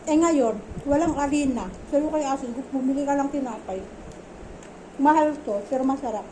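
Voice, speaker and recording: Casting: young Filipino mom, high bright voice, chatty home vlogger, noisy phone recording. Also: female voice, normal speed. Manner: chatty, talks to her baby and viewers. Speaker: vlogger and mother. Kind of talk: casual home vlog chat. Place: home, with a baby nearby.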